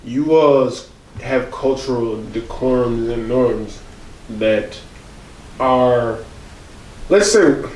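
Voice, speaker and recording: A man co-hosting a podcast, talking casually and comically, often jumping into loud mocking voices when he quotes people. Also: mid-range voice, slight background noise. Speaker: podcast co-host. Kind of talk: casual comedic chat. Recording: roomy echo, far from the mic.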